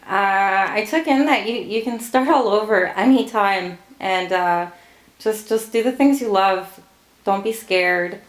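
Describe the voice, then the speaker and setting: Answering family interview questions, a woman in her late thirties who was born in Portugal laughs frequently and tells stories at ease. She speaks unhurriedly in a mid-range voice, in a roomy-sounding space.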